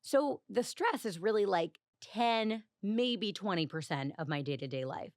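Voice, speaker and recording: A woman hosts her solo podcast and talks through a personal story in a loose, confessional ramble. She leans on "like" and small laughs as she goes. Her voice sits a little low, and the recording is close and dry. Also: very animated, moderate pace, no echo. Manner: chatty and confessional, heavy use of "like", frequent small laughs. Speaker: podcast host.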